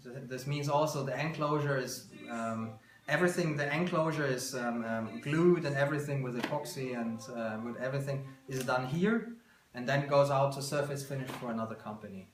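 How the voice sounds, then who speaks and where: Speaking fairly quickly with few pauses, this German-accented man in his thirties explains his work informally in a mid-range voice while touring his company's small workshop, though he often hunts for words. It's roomy handheld video from a camera a couple of metres off, with background noise and clicks.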